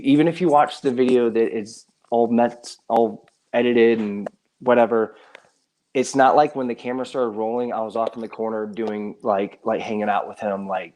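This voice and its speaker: A man who is a musician, a guest on a live stream, talking in a rambling, halting way with many restarts and trailing phrases. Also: lowish voice, steady tone, darkish tone. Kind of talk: casual live stream chat. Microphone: live stream setup.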